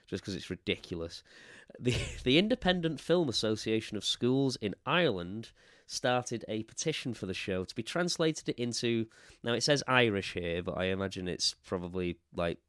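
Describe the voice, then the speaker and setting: Man, podcast co-host, chatty, self-deprecating, low lively voice, dry sound. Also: clean tone, no room sound. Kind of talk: casual chat.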